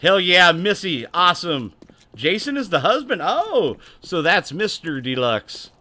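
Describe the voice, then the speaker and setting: A man's voice: sits high, sing-song, measured pace, bright, forceful tone. A man hosting a casual gaming livestream, talking in a rowdy, crude way and thanking viewers by name. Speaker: livestream host.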